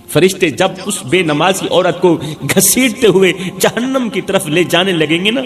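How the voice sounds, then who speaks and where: A man's voice: high-pitched, a bit bright. A man preaching an emotional sermon, repeating phrases and rising to cries. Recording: long hall reverb with faint music.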